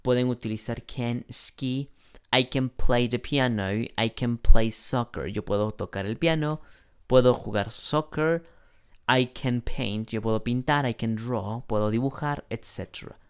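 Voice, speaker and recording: A male teacher gives an English lesson at an unhurried, careful pace. He lays out each rule step by step and pauses to clear his throat now and then. His pitch sits in a middle range for a man. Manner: slow, deliberate explanations, often clears throat. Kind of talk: online class lesson.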